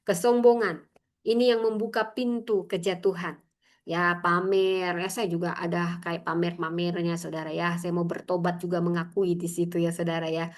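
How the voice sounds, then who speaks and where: A woman pastor preaching an expository sermon, emphatic, often calling out to her congregation and mocking critics in shrill put-on voices. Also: level tone, normal speed. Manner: emphatic preaching, addresses congregation as brothers and sisters.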